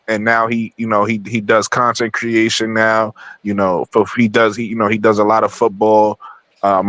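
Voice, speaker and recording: An American man with a fairly low voice co-hosts casual sports talk. He speaks conversationally and restates himself, in a dry, close sound. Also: a bit bright, dry recording. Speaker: talk show co-host.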